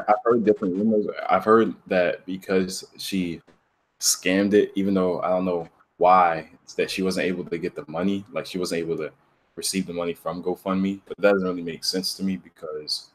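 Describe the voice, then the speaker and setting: A man hosting a casual discussion podcast, telling a story in a laid-back way and laughing as he goes. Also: sits low. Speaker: podcast host.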